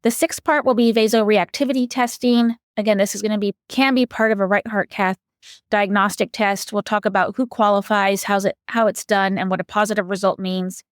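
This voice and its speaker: A woman's voice: mid-range voice, fairly even intonation, brisk, dry recording, clean studio sound. A woman co-hosting a medical education podcast, a physician who walks listeners through a structured roadmap step by step. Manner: organized, lays out a roadmap step by step.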